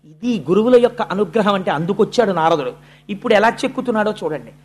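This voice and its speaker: A man's voice: high voice, expressive, fast talker, breathy edge. A man giving a devotional sermon, telling a sacred story dramatically and acting out the characters' speech. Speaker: religious discourse speaker.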